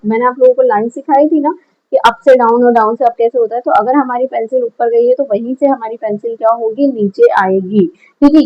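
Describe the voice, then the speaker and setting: A woman's voice: a little high, lo-fi sound. A woman teaching a shading lesson step by step, patiently asking the class questions and answering them herself. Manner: frequent checks like "clear?". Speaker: drawing teacher.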